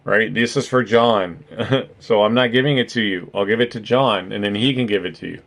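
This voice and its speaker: Rambling, profane man with a low voice. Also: moderate pace, creaky, a bit bright. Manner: rambling, profane, keeps adding "right?". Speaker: streamer reacting to videos. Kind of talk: casual reaction commentary.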